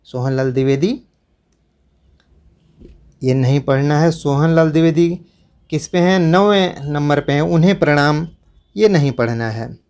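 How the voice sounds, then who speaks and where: Higher-pitched man teaching a syllabus lesson. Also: a little slow, pauses often, a little mellow, clear, resonant tone. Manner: repetitive, instructive, addresses students directly.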